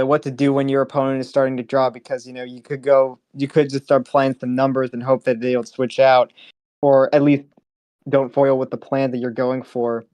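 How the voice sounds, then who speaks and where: A man analyzing a card game match, hesitant, with many pauses and fillers. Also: mid-range voice, a little mellow, no room sound.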